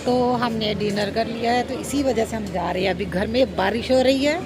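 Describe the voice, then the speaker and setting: A woman's voice: on the high side, moderate pace, loud music behind the voice. A woman vlogger and mother talking to her phone camera outdoors on a rainy night, chatty and teasing, saying she is cold. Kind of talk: casual on-location vlog talk. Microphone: handheld phone camera. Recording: phone audio with street and rain noise.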